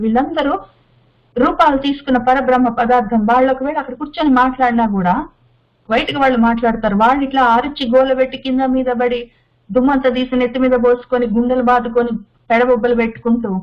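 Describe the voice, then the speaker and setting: High-pitched woman, spiritual teacher, measured listing delivery, dull lo-fi recording. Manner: unhurried, repetitive listing with rhetorical questions. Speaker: Bhagavad Gita teacher. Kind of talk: spiritual discourse. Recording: dull lo-fi sound.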